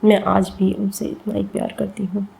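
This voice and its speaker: A heartbroken young woman in a storybook tale, stammering and choked with tears, as a female narrator puts her on. The voice is gravelly and mellow throughout. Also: mid-range voice, completely flat delivery, moderate pace, rough recording. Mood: resolute.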